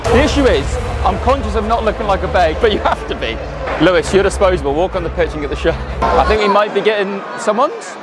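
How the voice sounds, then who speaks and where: A man in his twenties vlogging excitedly and casually outdoors at a football stadium. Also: high-pitched, quick pace, over loud music. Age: 20s. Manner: excitable, calling out over crowd. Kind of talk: casual excited vlog chat. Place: open-air football stadium, pitchside. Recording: loud stadium crowd, outdoors.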